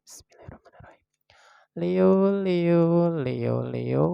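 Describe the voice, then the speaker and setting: Tarot reader, casual and chatty, dark gravelly tone, unhurried card calls. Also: medium pitch, dry recording. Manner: chatty, slow card-by-card announcing; drops into soft whispers for short prayers. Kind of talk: casual tarot reading video. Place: indoors at home in the morning.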